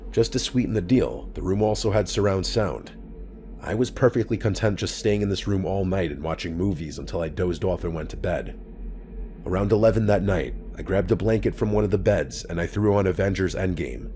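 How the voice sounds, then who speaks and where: Male horror narrator, very low voice, calm even delivery, scripted storytelling. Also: slight background noise. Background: faint background music.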